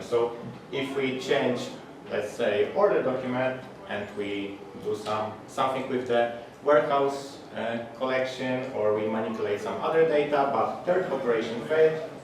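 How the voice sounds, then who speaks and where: Polish-accented man giving a talk in an echoey hall. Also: medium pitch. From Poland. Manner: plain, hesitant delivery with frequent fillers and restarts. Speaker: conference speaker. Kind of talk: technical conference talk. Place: large echoey conference room. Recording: echoey hall, distant, audible background noise.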